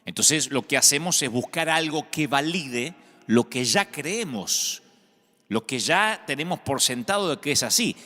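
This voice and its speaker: A man's voice: on the high side, expressive, a little slow, bright, forceful tone. A man with an Argentine accent, a pastor preaching a sermon with conversational storytelling and humor. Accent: Argentine Spanish. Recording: echoey hall sound.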